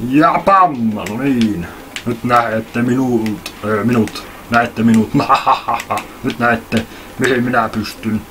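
A man's voice: mid-range voice, voice pushed up, lightly acted. A man voicing a pompous, boastful fat male kart racer over noisy game sound.

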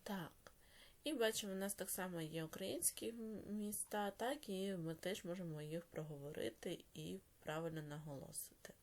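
A woman teaching a language lesson, dictating words slowly with clear stress and quick explanations in between. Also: fairly low pitch.

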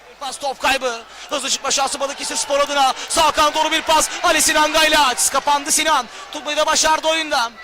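A man giving live football commentary in a loud, excited delivery. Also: very high-pitched, brisk, hardly any pauses. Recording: loud crowd and noise behind. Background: noisy football crowd.

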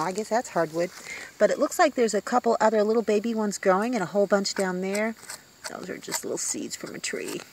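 A woman in her fifties narrates a casual walk-and-talk vlog in the woods, chatty and curious aloud. Her mid-range voice sounds a bit bright, and the outdoor handheld phone recording has slight background noise.

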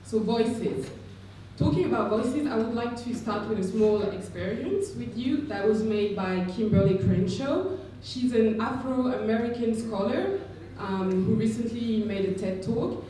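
A woman's voice: fairly high pitch, unhurried, warm tone, a little hiss or hum. Hesitant woman speaker in an echoey hall. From France. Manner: hesitant, many fillers. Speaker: guest speaker. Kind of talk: conference speech. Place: large conference room at a lectern. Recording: echoey hall, captured from far.

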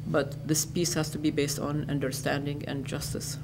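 An older woman from Iraq, an educator giving interview answers in a lecture hall, speaking in a measured way and restating her phrases. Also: low-pitched, little pitch movement, background noise.

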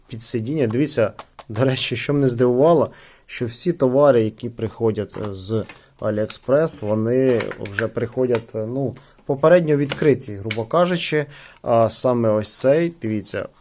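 A man with a medium-pitched, slightly mellow voice hosts and reviews a product unboxing. His commentary is casual and conversational, with hesitations and plenty of filler phrases.

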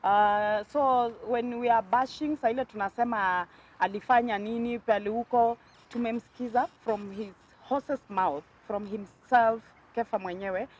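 A woman's voice: fairly high pitch, moderate pace, slight background noise, low-quality recording. A woman from Kenya with a Kenyan accent, hosting a talk show and addressing viewers in an emphatic, earnest way. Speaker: host.

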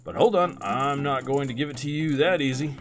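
A man voicing the gruff, hulking chief of a rock-eating people in a video game, reading his lines aloud. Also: medium pitch, brisk, faint music behind, close to an everyday voice. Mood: proud.

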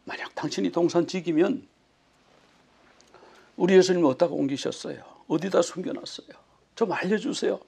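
A man voicing grieving women at an empty tomb, pleading through tears with questions in a slightly raised, gravelly voice. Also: high voice, normal speed, pauses often, darkish tone, voice pushed up, full character voice.

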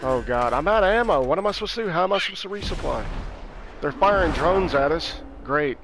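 Man with creaky voice, casual game commentary. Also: fairly high pitch, lively intonation, fairly quick. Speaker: gamer playing and commenting. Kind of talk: casual gameplay commentary with swearing. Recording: voice under loud game music and engine noise. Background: game music, jet engines and combat sounds.

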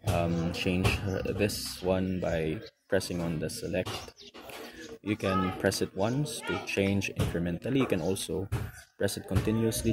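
Low-voiced Filipino man walking through bike settings. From Philippines. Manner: explains step by step, with fillers and quick self-corrections. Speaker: motovlogger. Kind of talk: casual how-to walkthrough. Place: outdoors beside a motorcycle in the sun. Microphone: camera close to the instrument panel.

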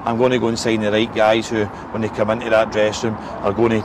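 A man's voice: lowish voice, monotone, fast talker. A Scottish man in his forties, a football manager giving a post-match interview outdoors, frank and repetitive, with many eh and listen fillers. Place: outdoors beside a football pitch. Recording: outdoor noise with passing traffic.

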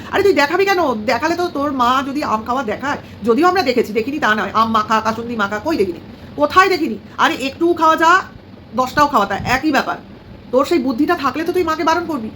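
A woman's voice: high-pitched, fairly bright tone, a little hiss or hum. A woman vlogger with a Bengali accent delivering a heated monologue. She talks straight at the person she is criticising, scolding and sarcastic. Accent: Bengali, Kolkata area. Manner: scolding, sarcastic, addresses the target directly with informal "tui". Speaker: vlogger commenting on another creator.

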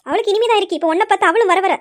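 A woman playing a bossy, sharp-tongued mother who scolds her daughters in a comic family skit. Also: very high-pitched. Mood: scolding. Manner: bossy, scolding, quick retorts.

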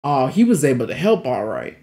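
A man's voice: mid-range voice, sing-song, a little fast, mellow. A man in his twenties giving casual reaction commentary in a slangy, exclamatory way. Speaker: reaction video host. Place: small indoor room at home.

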